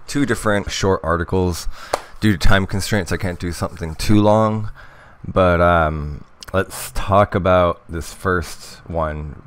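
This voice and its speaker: Host type, deep low voice, loose rambling commentary with ums and restarts. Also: male voice. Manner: rambling, hesitant, lots of fillers and restarts. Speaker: host of a history news channel. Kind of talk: casual commentary reading articles.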